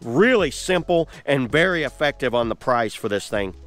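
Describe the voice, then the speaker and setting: A man's voice: mid-range voice, expressive, moderate pace, a bit bright, soft background music. A man filming his own hands-on gear demo outdoors on grass, chatty and enthusiastic, full of "like" fillers. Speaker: product reviewer. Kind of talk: casual hands-on product demo.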